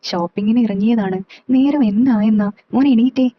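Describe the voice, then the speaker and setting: A playful aunt who teases and scolds in quick, lively bursts, as a woman reader puts her on. The recording is slightly muffled and dry, with no room sound. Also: fairly high pitch, no echo, lightly acted. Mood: teasing.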